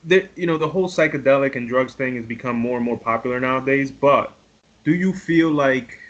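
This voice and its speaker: A man's voice: medium pitch, a little fast, a bit bright. A man in his late thirties asking questions on a podcast in a laid-back way, peppering his talk with "man" and "like". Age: late 30s. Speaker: interviewer. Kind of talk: casual podcast conversation. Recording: dull lo-fi audio.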